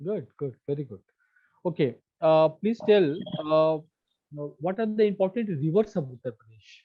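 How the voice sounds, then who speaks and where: A man's voice: a little high, lively intonation, normal speed, no room sound. A man with an Indian accent puts formal, probing questions as a mock interview panelist, often repeating and rephrasing them. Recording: dull, lo-fi dry audio.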